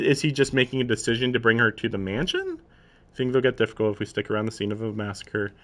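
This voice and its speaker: A man with a medium-pitched, slightly bright voice reads a story aloud during a live stream. He peppers the narration with casual, questioning comments, sounding puzzled between read passages.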